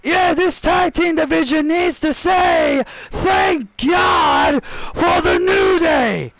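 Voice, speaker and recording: A man voicing a brash male wrestler who shouts boastful trash talk at a crowd in a video game promo. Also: very high voice, takes it slowly, gravelly, voice pushed up, heavily acted, rough recording. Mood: taunting.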